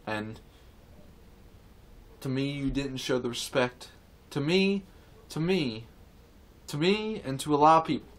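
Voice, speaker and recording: A man of middle pitch rants to camera in a casual video. He rambles and circles back on the same phrases, with false starts and fillers throughout. His tone is earnest and indignant. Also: lively intonation, measured pace, pauses often. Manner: rambling, repetitive, with many restarts and fillers. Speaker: vlogger. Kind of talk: casual opinion rant to camera.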